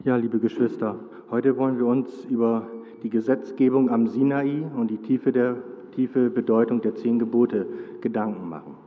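A man delivers a formal, solemn sermon in a mid-pitched voice. The sound is thin and phone-like and trails off in long hall reverb. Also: moderate pace. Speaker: preacher.

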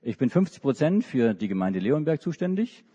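This middle-aged Hamburg preacher has a mellow, husky, mid-range voice with a sing-song lilt, and he talks fairly quickly. He is telling a children's story in a church service, stumbling through many restarts and hesitations. The recording, made in a reverberant hall, sounds dull.

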